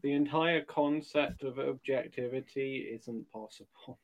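A man's voice: medium pitch, fairly even intonation, a little slow, low-quality recording. A young man in casual podcast chat, cheeky and teasing.

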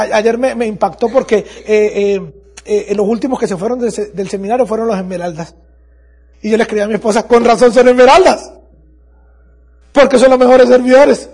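Male motivational speaker, high voice, husky, emphatic repeater. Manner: emphatic, repeats phrases, addresses audience. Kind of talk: motivational business talk.

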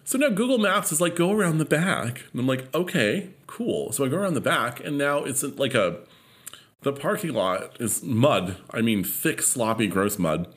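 Podcast host, male, from California; animated, swearing storyteller with a very expressive pitch. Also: moderate pace. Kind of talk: casual chat.

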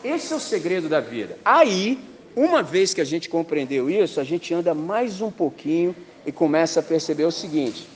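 Brazilian preacher guy, super animated, slangy, kinda high voice, echoey hall. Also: normal speed. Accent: Brazilian Portuguese. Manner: lively, slangy, rhetorical questions. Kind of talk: sermon.

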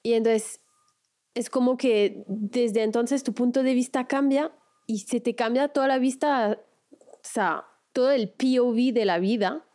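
Earnest, higher-voiced woman podcast host. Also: a little slow, mellow. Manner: thoughtful, earnest, musing aloud. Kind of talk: casual interview chat.

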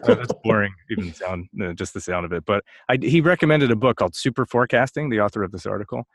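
Low-voiced chatty man in his thirties. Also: fast, dry recording, clean studio sound. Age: 30s. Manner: rambling and jokey, thinking aloud. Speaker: podcast co-host. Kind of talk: casual chat.

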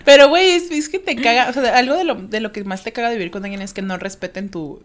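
A young woman in her twenties with a Mexican accent, telling animated, slangy stories in a casual chat. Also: fairly high pitch, quick pace. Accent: Mexican Spanish.

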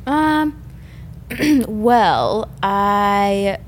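A woman's voice: medium pitch, animated, very slow, slight background noise. A young woman guest in a casual podcast chat, giggly and rambling, full of fillers.

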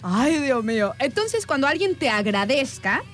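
A woman's voice: sits high, very animated, normal speed, a bit bright. A woman with a Mexican accent co-hosting a show, playful and chatty in casual conversation. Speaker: co-host. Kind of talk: casual chat.

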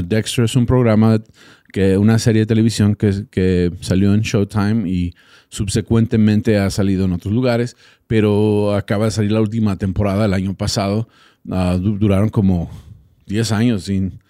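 A male podcast host with a deep-leaning, relaxed voice and an American accent, speaking as a native English speaker in a second language. He talks casually and haltingly, feeling for the right word. The sound is dry, with very little room in it. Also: dry recording. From Texas, United States. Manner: hesitant, searching for words. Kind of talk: casual solo podcast talk.

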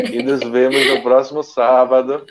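A man co-hosting an online talk from home, telling a story in a relaxed, rambling way with many restarts. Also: mid-range voice, background noise. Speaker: co-host of an online study show. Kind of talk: casual storytelling and sign-off. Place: his home. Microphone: internet call. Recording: dull, lo-fi internet call audio.

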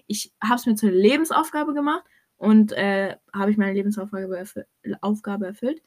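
A young woman chatting casually, slangy and animated, dropping English swear words as she retells a night out. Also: mid-range voice, normal speed. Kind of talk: casual chat.

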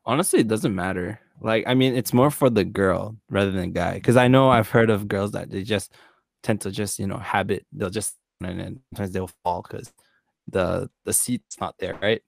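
A man's voice: fairly low pitch, moderate pace, vocal fry, no echo, clean studio sound. A young man in casual group chat, talking in a laid-back, slangy way. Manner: laid-back, slangy, full of likes and mans.

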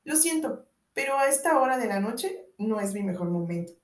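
A woman's voice: a little high, animated, normal speed, far from the mic, lightly acted. A sleepy young woman, polite on the surface and cheeky underneath, as a woman narrator puts her on. The audiobook recording has a roomy, echoing sound. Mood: drowsy. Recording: roomy echo.

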